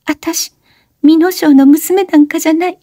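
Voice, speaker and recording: A high, breathless young woman, as a woman reads her lines, pleading and sobbing with guilt. Her voice sits far above the reader's own, mellow in tone, and the recording is close and dry. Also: fairly even intonation, moderate pace, dry recording. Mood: confessing. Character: young woman, desperate, tearful, guilt-ridden.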